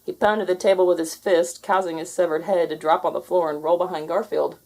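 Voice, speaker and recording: A woman's voice: fairly low pitch, steady tone, a little fast, darkish tone, low-quality recording. A woman narrating a storybook aloud expressively for children.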